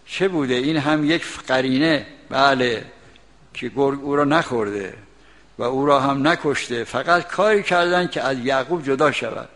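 Older male preacher with a gravelly voice, recites verses and glosses them in plain talk, reverberant hall recording. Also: medium pitch, fairly bright tone. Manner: recites Arabic verses, then explains them in colloquial Persian. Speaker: Quran commentator. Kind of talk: religious commentary lesson.

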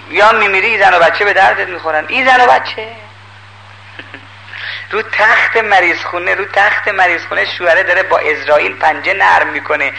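An older man preaching a sermon in a lively, emphatic way, pleading with and scolding his listeners. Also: sits high, gravelly, a little hiss or hum, rough recording.

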